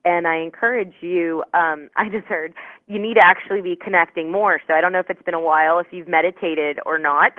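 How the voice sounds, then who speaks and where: A woman's voice: lowish voice, no echo. A woman in her twenties, a psychic medium guest on a radio show, talking over the phone in a bubbly, rambling way with lots of fillers. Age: 20s. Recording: tinny phone line, dry.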